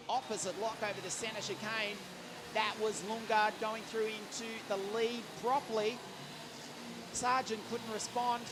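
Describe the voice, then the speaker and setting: Standing trackside at a southern Italian karting circuit, this commentator enthusiastically rattles through drivers' names and results in live coverage. He has a high-pitched voice, and there's background noise in the clip.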